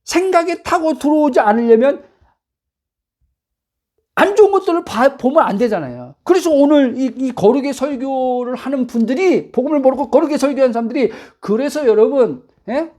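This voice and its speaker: A woman pastor preaches with a fairly high voice whose pitch swings widely from phrase to phrase. She keeps throwing rhetorical questions at her listeners and calling out to them. Now and then she pushes her voice up to a near-shout to drive a point home. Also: expressive, normal speed. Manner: bursts into near-shouts for emphasis. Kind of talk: sermon.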